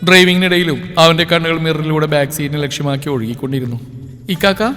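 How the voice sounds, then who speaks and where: A male narrator tells an audio novel in a steady, measured voice. His voice sits somewhat high for a man. Long reverb and soft background music surround it.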